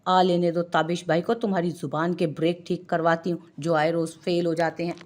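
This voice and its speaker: A young woman with a short fuse, scolding and threatening in an irritated tone, as a woman reads her lines. The voice is a little low. It is part of a narrated audio story. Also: little pitch movement, brisk, darkish tone, close to an everyday voice. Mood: annoyed. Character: hot-tempered young woman, easily annoyed.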